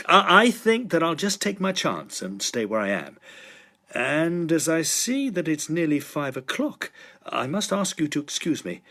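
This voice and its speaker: In a period drama, a man plays a sceptical, self-assured young student, delivering first-person narration and dialogue in formal, articulate phrasing. His mid-range voice is a bit bright, and he sounds dismissive and confident.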